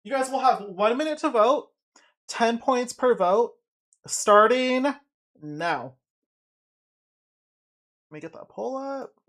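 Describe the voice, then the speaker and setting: A woman's voice: on the high side, lively intonation, slow, long pauses, a bit bright. A woman streaming a game, chatting casually and gossipily in slang as she comments and talks to her audience. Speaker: game streamer running a challenge run with audience votes. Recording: music in the background.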